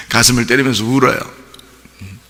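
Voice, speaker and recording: A man's voice: medium pitch, bright, forceful tone. A male pastor giving a conversational sermon in a church, full of rhetorical questions to the congregation. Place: church sanctuary. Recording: long reverb in a church hall.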